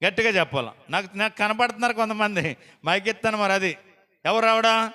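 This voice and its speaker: A man preaching a sermon as pastor, quizzing his congregation with repeated call-and-response questions and loudly calling out praise. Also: sits high, a little fast. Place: prayer house hall. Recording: long reverb of a church hall.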